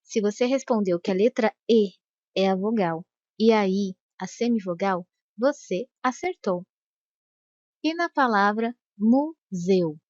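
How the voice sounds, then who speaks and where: A woman teaching a grammar lesson, speaking slowly and carefully and stretching out the sample words. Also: medium pitch, a little mellow, no echo. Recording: dry, dull lo-fi voice-over.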